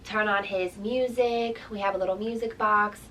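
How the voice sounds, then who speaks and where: A woman's voice: medium pitch, fairly even intonation, normal speed, a bit bright. A young woman vlogging from home about her toddler, chatty, with many ums and likes. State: out of breath. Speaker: vlogger, mother. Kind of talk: casual chat to camera. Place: home room. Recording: voice from a distance with faint noise.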